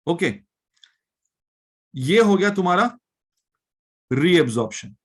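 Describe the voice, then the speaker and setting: Slow Indian male teacher. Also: high-pitched, very animated, breathy edge. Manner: mixes Hindi and English, keeps checking in with students; reads textbook lines slowly, then explains them. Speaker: biology teacher. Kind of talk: live classroom lecture. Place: classroom with students.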